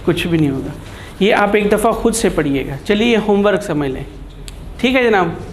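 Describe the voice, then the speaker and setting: A man's voice: high-pitched, expressive, moderate pace, slight background noise. A man giving a chatty classroom lecture, teasing his students and mixing in English terms. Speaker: teacher.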